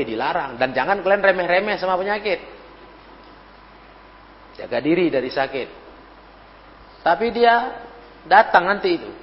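Male preacher, high and lively voice, dull lo-fi recording with a long hall echo. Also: a little hiss or hum. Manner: animated, rhetorical questions to listeners; acts out quoted speakers with sudden pitch jumps. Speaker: religious teacher. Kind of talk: sermon.

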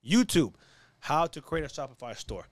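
A man's voice: on the high side, sing-song, moderate pace. A man talking casually as a podcast guest in a cocky finance-bro hustler manner, blunt and slangy, swearing often and repeating himself for punch. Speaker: podcast guest, online business entrepreneur.

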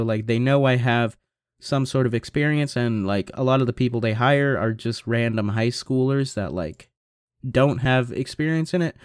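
A man's voice: mid-range voice, no room sound, studio quality. A young American man with a congested, nasal voice, chatting in a rambling, slangy, laid-back way as a solo podcast host. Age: young adult. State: stuffed-up nose. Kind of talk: casual solo podcast chat.

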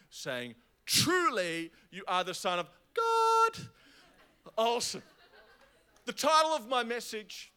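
A young man preaching a lively youth sermon, getting the crowd to repeat words after him. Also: sits high, smooth. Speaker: youth pastor.

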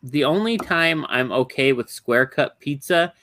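A man's voice: a little high, expressive, measured pace, pushed and bright, slight background noise. A young married man co-hosting a podcast, chatting casually with wry, joking asides. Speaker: podcast co-host. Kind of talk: casual chat.

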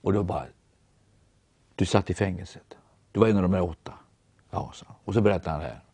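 Norwegian guy telling his faith story, low dark voice, acts out the quotes. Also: breathy edge, dry recording. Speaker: guest storyteller.

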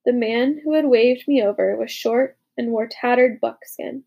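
A woman narrating a war story as a young soldier, with dramatic, hushed, urgent delivery in the dialogue. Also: fairly high pitch, measured pace, creaky, husky, full character voice. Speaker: narrator voicing a boy soldier. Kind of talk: audiobook narration.

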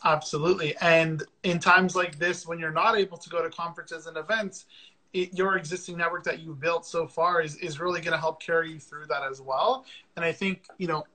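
A man's voice: on the high side, fairly even intonation, fairly quick, sharp tone, poor audio. A man hosting a casual livestream interview over a video call, upbeat and chatty with frequent fillers. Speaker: podcast host.

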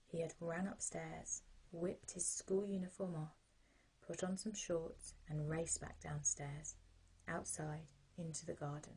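Soft, husky British woman telling sleep stories. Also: sits low, rough recording. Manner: gentle, calming, unhurried guidance. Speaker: sleep story narrator. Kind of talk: soothing bedtime story narration for children.

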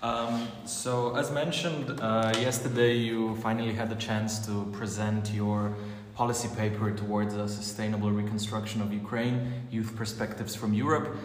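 Man, podcast co-host, casual, lowish voice, echoey room. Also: level tone, moderate pace, slight background noise. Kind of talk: podcast interview.

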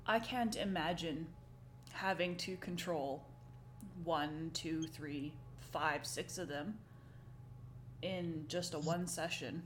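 A woman's voice: deep voice, slow, a little hiss or hum. Easygoing woman co-hosting a podcast. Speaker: podcast co-host. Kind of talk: casual podcast chat.

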